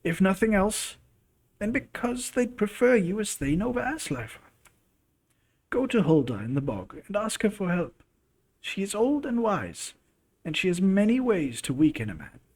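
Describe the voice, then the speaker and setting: A man voicing an older woman, a wise and worried clan mother, with earnest, gentle advice in a role-playing game. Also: sits high, sing-song, moderate pace, voice pushed up.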